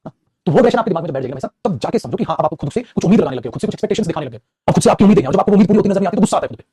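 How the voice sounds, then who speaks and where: A man's voice: high-pitched, expressive, very fast, warm tone, husky, no room sound, clean studio sound. A man teaching English grammar in a live online class, scolding and motivating his students by turns.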